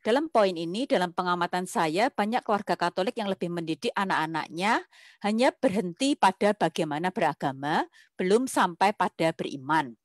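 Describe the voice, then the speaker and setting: A woman's voice: on the low side, expressive, moderate pace, no room sound, studio quality. A woman moderating a webinar over a video call, reading out audience questions and keeping track of the time.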